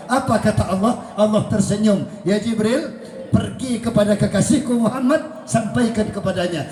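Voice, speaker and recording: A man preaching a sermon, telling the story with acted dialogue and a pitch that swoops up and down. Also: a little mellow. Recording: echoey hall with faint noise.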